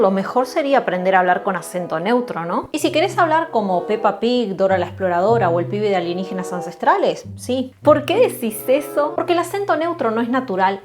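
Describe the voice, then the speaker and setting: A woman from Uruguay with a Uruguayan accent, explaining a scripted Spanish lesson in a clear, playful way. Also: fairly high pitch. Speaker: Spanish teacher.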